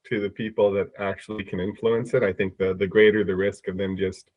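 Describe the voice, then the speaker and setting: A man with a Midwestern accent chats on a podcast in a low voice. He stumbles and repeats words while he thinks. The recording is dull and dry, like a lo-fi mic. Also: little pitch movement, fairly quick, no echo. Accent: Midwestern American. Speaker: podcast co-host. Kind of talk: casual podcast discussion.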